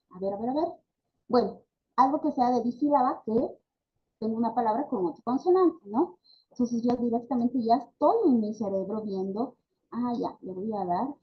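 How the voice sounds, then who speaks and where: A woman's voice: fairly high pitch, highs cut off. A woman with a Bolivian Spanish accent giving a speech therapy class, talking conversationally with many fillers and tag questions. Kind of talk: online class lecture.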